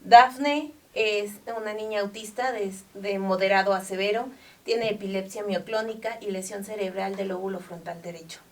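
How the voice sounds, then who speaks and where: A woman's voice: mid-range voice, steady tone, normal speed, a little mellow. Earnest woman, distant mic. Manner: heartfelt, emphatic, many fillers. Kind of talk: earnest interview talk.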